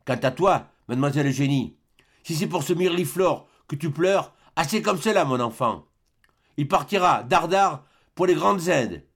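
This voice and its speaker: A man reading the part of a stern, miserly old winegrower who speaks calmly and curtly. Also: on the high side, moderate pace. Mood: cold. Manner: calm, curt and cold.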